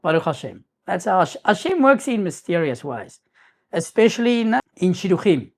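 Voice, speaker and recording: A South African man whose first language is Afrikaans tells a rambling story to camera as a YouTuber. His voice is high with big pitch swings at a normal speed, and he keeps restarting and dropping in Hebrew words.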